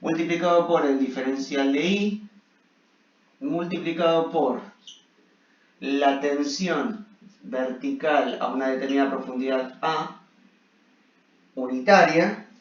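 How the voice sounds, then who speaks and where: A man's voice: a little high, takes it slowly, long pauses. Echoey, distant man lecturing. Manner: frequent check-in tags while explaining. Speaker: engineering lecturer. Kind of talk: blackboard lecture, explaining a derivation step by step. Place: echoey room at a blackboard. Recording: echoey room, muffled, distant mic.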